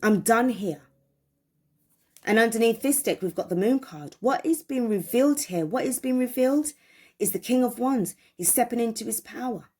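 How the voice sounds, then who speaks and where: A woman's voice: a little high, lively intonation, brisk, mellow. A woman giving a tarot reading, talking emphatically, repeating phrases and asking viewers questions. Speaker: tarot reader.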